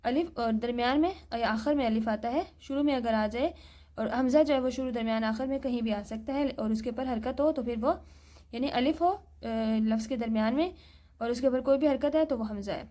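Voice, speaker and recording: Soft-toned Pakistani woman teaching tajweed. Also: on the high side. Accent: Pakistani Urdu. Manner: patient, repeats points and asks "theek hai?"; sounds out Arabic words slowly as examples. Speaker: Quran reading teacher. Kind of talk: recorded tajweed lesson.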